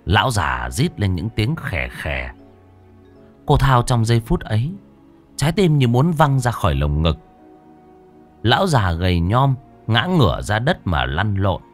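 A man's voice: lowish voice, sing-song, measured pace, soft background music. A man narrating a horror story in a dramatic, suspenseful storytelling voice.

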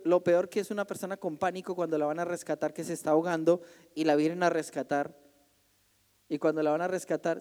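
A man preaching from the pulpit, his somewhat high but mellow voice ringing through a church with a long reverb tail. He is animated and expressive, and he briefly mimics panicked shouts as he tells the story. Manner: animated preaching, acts out frightened cries. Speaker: pastor. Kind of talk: sermon.

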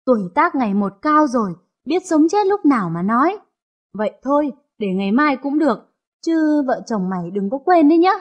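A woman voicing an elderly matriarch, stern and sharp-tongued, in an audio story. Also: high-pitched, sing-song, normal speed, lo-fi sound. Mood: weary. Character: stern grieving elderly mother, family matriarch.

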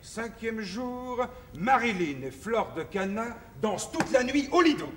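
A man playing an excitable, self-important publicist in a 1960s French comedy film, declaiming with theatrical exasperation. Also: very high-pitched, unhurried. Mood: dramatic lecturing. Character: excitable, scheming, self-important male show-business publicist. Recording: echoey, noisy old film soundtrack, distant.

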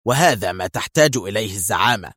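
A stern, curt commander of an armed force from an audio thriller, played by the male narrator. He talks in short, clipped replies in a slightly lowered voice. The recording is dry and close-miked. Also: animated, fast talker, fairly bright tone, husky, dry recording.

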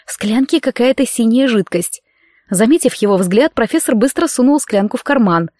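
Expressive woman narrating a romance audiobook. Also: on the high side, normal speed, dry recording, studio quality. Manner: expressive storytelling.

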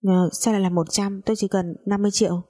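Woman reading a soft-spoken young wife, mellow, husky. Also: medium pitch, fairly even intonation, fast, natural voice. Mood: calm. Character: gentle, honest young wife.

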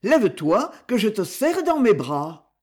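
Lively outspoken woman, read by a woman, higher, bright, emphatic delivery. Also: takes it slowly, heavily acted. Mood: overjoyed. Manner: cheerful, emphatic.

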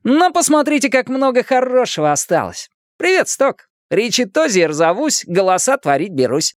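A man reading aloud and voicing a loud, wisecracking boy who clowns and mocks his friends in a shrill, theatrical voice. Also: very animated, moderate pace, no echo, clean studio sound. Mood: teasing.

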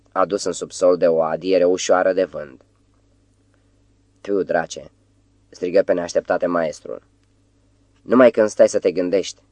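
A man reads a novel aloud in a measured way. His voice is very low. The sound is dry and close, with no room echo. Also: a little mellow. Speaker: audiobook narrator. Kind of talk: scripted narration.

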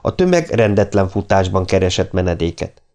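A man narrating an audiobook in a steady, measured reading voice. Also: deep voice. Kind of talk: scripted narration.

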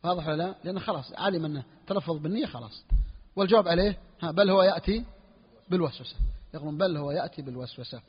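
A husky male sheikh explains a jurisprudence text at a brisk clip, his voice sitting a little high. He repeats his key phrases and keeps checking that his students follow. The recording is dull and carries a long hall echo. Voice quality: husky, clears throat often. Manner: repeats phrases, asks students "clear or not?". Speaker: sheikh teaching Hanbali jurisprudence. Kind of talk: classroom lesson explaining a fiqh text.

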